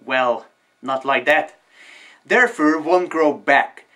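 A man's voice: fairly high pitch, slow pace, loud music behind the voice. Man muffled inside a fursuit head. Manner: joking, blunt, swears for emphasis. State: muffled through costume head. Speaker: vlogger giving fursuit tips. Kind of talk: casual tips video.

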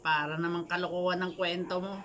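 A woman's voice: fairly low pitch, flat delivery, fairly quick, a bit bright, a little hiss or hum, low-quality recording. A woman vlogger telling a moral story casually, with playful joking asides. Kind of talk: casual storytelling with a life lesson.

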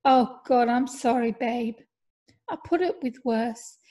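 A woman voicing a young male footballer in an audiobook, earnest and reassuring, a little louder than her narration. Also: fairly high pitch, takes it slowly.

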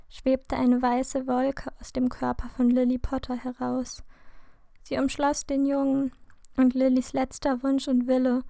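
A woman reading a fan fiction story aloud in calm, slow scripted narration. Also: high voice, gravelly, dry recording.

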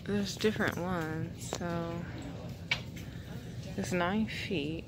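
A woman's voice: fairly low pitch, fairly even intonation, very slow, heavy background noise. A woman narrating a casual shop-along vlog inside a large store, chatting to viewers about the items she passes. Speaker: shopping vlogger. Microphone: handheld phone camera. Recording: loud store ambience behind.

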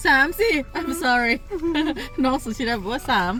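A woman's voice: sits high, slow pace, bright, forceful tone, soft background music. A woman from Thailand with a Thai accent, chatting casually as a mother and vlogger, laughing often and dropping in English phrases. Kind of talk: casual vlog chat.

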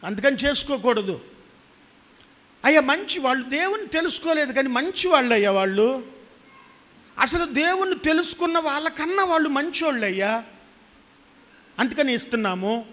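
A Telugu-accented pastor in his thirties preaches an impassioned sermon into a handheld mic on a church stage backed by a cross, repeating phrases for emphasis. His voice is extremely high and sing-song, pushed and bright, at normal speed with frequent pauses. Hall reverb surrounds him.

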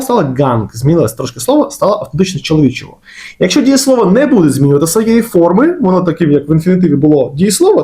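Ukrainian guy teaching german, kinda high voice, swings up and down a lot, drags out the example words. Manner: lively, stretches example words slowly. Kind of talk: casual explanatory lesson.

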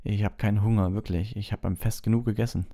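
A man's voice: on the low side, fairly even intonation, quick pace, warm tone, pitched above the performer's own voice. A man voicing a tired, reluctant teenage boy in an audiobook reading, insisting he wants to be left alone. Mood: weary.

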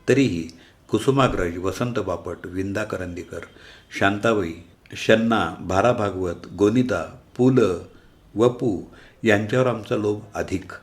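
A man with a Marathi accent reading an essay aloud in a measured, wry listing manner. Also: lowish voice. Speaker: reader of an essay. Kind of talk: read-aloud essay narration.

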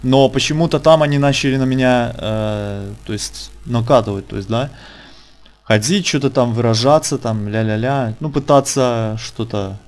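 A man's voice: medium pitch, normal speed, a little mellow. A man hosting a casual online interview, talking colloquially and insistently, repeating phrases for emphasis. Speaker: interviewer and channel host.

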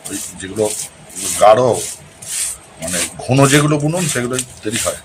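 A man's voice: lowish voice, expressive, normal speed, background noise. A man making brief, matter-of-fact remarks in a casual family chat at home.

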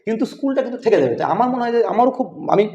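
A man's voice: very high-pitched, sing-song, rapid-fire, darkish tone. A man interviewing as podcast host, talking in a rambling way with many fillers. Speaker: interviewer, teacher. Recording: echoey, dull lo-fi room.

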